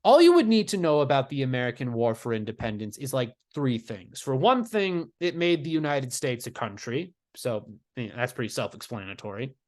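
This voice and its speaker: A male history teacher talks through a lesson in a loose, conversational way. His pitch swings up and down a lot as he explains, and he drops the odd dry, sarcastic aside. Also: big pitch swings, a little fast. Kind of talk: casual video lecture.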